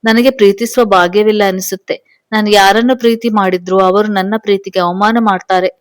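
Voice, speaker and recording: A woman takes on a heartbroken young wife in a storybook reading. She pleads through held-back tears, in a dry, close voice of middle pitch. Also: steady tone, moderate pace, dry recording, lightly acted. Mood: tearful. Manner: tearful, pleading.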